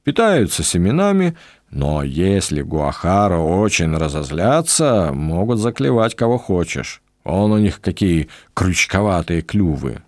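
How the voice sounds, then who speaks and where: A man's voice: low voice, big pitch swings, a little slow, darkish tone, no echo, clean studio sound. A man voicing a cheerful, knowing male jungle guide who talks in an upbeat, matter-of-fact, folksy way. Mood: reassuring.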